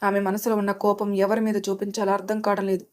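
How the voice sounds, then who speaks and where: A woman storyteller reading a romance story aloud in steady scripted narration. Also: mid-range voice, quick pace.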